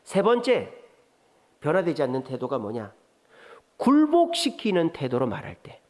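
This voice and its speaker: A man's voice: a little high, huge pitch swings, normal speed. A middle-aged male pastor delivering a sermon, acting out sarcastic quotes as he preaches.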